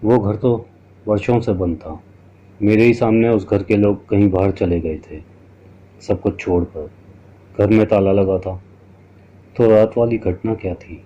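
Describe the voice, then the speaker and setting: A man's voice: fairly low pitch, warm tone. A man giving a dramatic, scripted first-person horror narration. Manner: dramatic, storytelling. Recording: dull lo-fi recording.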